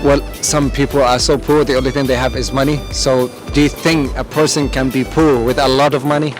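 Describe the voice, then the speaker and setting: A man's voice: mid-range voice, level tone, fairly quick, music in the background. A man interviewing passers-by on the street, friendly and encouraging as he asks his questions. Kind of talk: vox-pop street interview.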